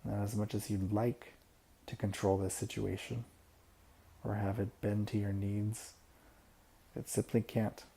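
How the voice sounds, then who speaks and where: A man leads a guided imagery meditation, giving soft-spoken, unhurried instructions with pauses between phrases. His lowish voice is creaky and husky, with little pitch movement.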